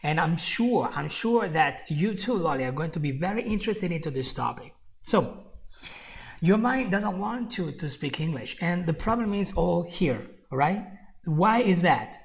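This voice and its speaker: Speaking with an Italian accent, a young man whose native language is Italian runs an encouraging live English class online, repeating phrases and addressing viewers directly. His voice is on the high side and creaky, animated yet a little slow.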